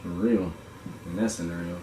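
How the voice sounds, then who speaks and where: A podcast host with a low voice and fairly even intonation talks at a moderate pace through a laid-back, slangy movie review, laughing often. The mic is distant in an echoey room, with faint noise.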